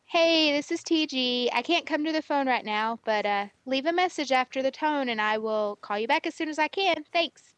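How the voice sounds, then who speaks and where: A man's voice: very high-pitched, expressive, moderate pace, hardly any pauses, a bit bright, voice pushed up. A man voicing a young woman's casual voicemail greeting, heard over a landline phone. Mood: breezy.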